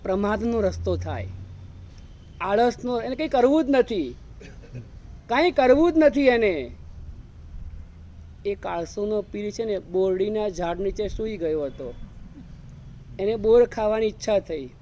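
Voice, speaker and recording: A man's voice: sits high, expressive, a little slow, pauses often, darkish tone, a little hiss or hum. A man preaching an evening sermon as a monk, repeating his points and firing rhetorical questions at the audience. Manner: drills points by repeating phrases. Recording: dull lo-fi recording.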